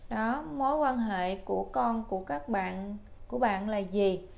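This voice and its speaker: Slow, gravelly-voiced woman teacher. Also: mid-range voice, darkish tone. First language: Vietnamese. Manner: slow, careful spelled-out English drills. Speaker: English teacher. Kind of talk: language lesson for older learners.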